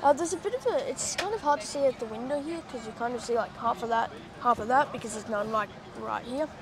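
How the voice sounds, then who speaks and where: A woman's voice: fairly high pitch, fast, crowd noise. Woman vlogging with dry sarcasm. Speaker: travel vlogger. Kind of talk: casual travel vlog commentary. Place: airport terminal and plane cabin.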